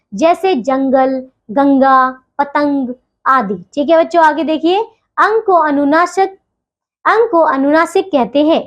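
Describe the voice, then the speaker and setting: A woman with a high, light voice teaches a grammar lesson to children. She is patient and spells sounds out slowly, checking in with the class again and again.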